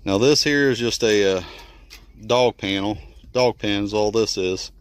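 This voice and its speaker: A man's voice: fairly low pitch, unhurried, clear, resonant tone, no room sound. A man in his thirties, plain-spoken and folksy, talking casually while building a chicken run outdoors and filming on a handheld phone. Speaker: homesteader showing a build. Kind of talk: casual how-to vlog. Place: outdoors in wooded yard by chicken coop. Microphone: handheld phone camera.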